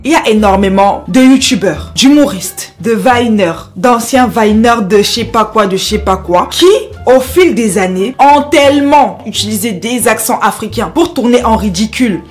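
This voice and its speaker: A woman hosting a commentary vlog, talking in an animated, emphatic way and rising in pitch on her key points. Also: normal speed, hardly any pauses, soft background music. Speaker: YouTuber host.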